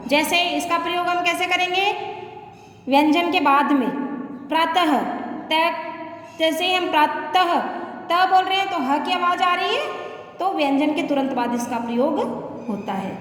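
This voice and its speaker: A woman teacher with a Rajasthani Hindi accent gives a slow, patient lesson to children. She often repeats points and checks that they follow. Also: very high voice, fairly bright tone. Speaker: primary school Hindi teacher. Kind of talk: classroom lesson explaining Hindi letters to children. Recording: echoey room with long reverb and faint noise.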